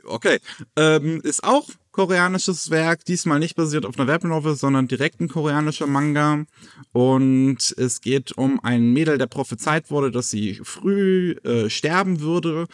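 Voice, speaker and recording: A man hosting a casual podcast, presenting anime news in a relaxed, chatty way with plenty of fillers. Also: medium pitch, dry recording, clean studio sound. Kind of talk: casual chat.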